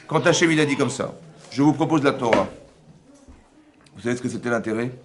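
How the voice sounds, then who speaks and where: A man, a rabbi giving a lively Torah lesson to a women's class, acting out imagined dialogues and often checking with his listeners. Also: mid-range voice, fairly quick, background noise. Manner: conversational, asks listeners for assent.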